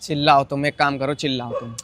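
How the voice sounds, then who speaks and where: A man's voice: mid-range voice, steady tone, brisk, fairly bright tone, dry recording. A young man filming a prank vlog, teasing and defiant as he brushes off his partner's scolding. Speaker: vlogger.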